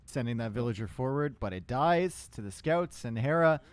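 A man casting a strategy game match as commentator, lively and teasing, getting louder when excited. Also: mid-range voice, normal speed, dry recording. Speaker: caster. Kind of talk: esports commentary.

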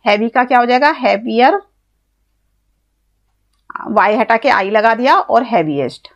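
A woman's voice: fairly high pitch, expressive, a little slow, dull audio. Indian woman teaching grammar, step by step. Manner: explains step by step, spelling words out letter by letter; asks questions to the viewer, then answers them herself. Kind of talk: classroom-style grammar lesson.

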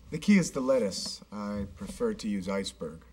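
A man's voice: lowish voice, expressive, normal speed, a little mellow, husky. A man playing a smug, preachy young boyfriend. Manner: condescending, sanctimonious. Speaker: actor. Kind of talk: sitcom acting. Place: studio set.

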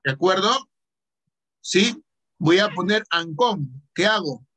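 Slow, bright-voiced male teacher. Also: sits high, lively intonation, breathy edge. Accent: Peruvian Spanish. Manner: patient, asks questions then answers himself. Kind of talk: online computer lesson.

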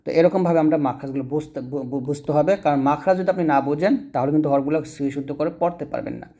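A man leads a Quran reading lesson in a fairly high voice. He says each letter sound slowly and more than once, patiently, so learners can repeat it after him. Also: warm tone. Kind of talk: teaching lesson.

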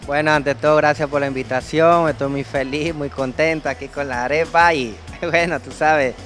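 A man from Panama, a singer, answering interview questions in a relaxed way in a café. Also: a little high, moderate pace, faint music behind. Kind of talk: casual interview. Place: crêpe café.

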